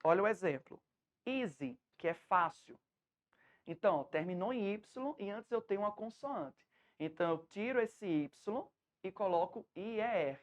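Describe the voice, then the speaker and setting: A woman's voice: medium pitch, expressive, normal speed. Patient Brazilian woman teaching English. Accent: Brazilian Portuguese. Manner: patient, explains step by step with frequent checks. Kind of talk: remote classroom lesson.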